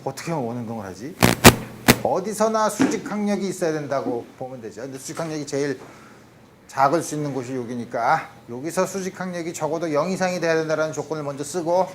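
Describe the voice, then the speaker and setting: A man's voice: on the high side, slight background noise. A male physics lecturer talking through problems step by step at a university lecture and checking in with the class. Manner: explains step by step, often asking "그죠?" and mixing in English physics terms.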